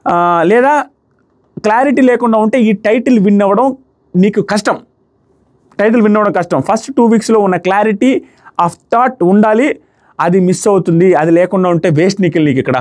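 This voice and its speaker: A man's voice: high-pitched, moderate pace, long pauses, darkish tone. A man giving a casual, emphatic review of a reality show episode, retelling scenes in quoted lines.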